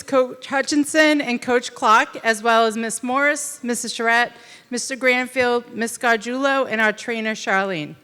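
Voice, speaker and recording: A woman coaching volleyball reads a prepared, polished list of thanks. Her crisp, bright voice carries through a large echoing hall. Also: on the high side. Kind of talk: prepared thank-you speech. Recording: reverberant hall.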